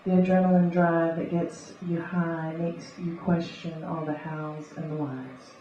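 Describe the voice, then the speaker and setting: A woman reading beatnik spoken-word poetry live, in rhythmic, deliberate, short clipped phrases. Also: fairly low pitch, flat delivery. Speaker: poet and conceptual artist. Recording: echoey live room, distant muffled mic, faint noise.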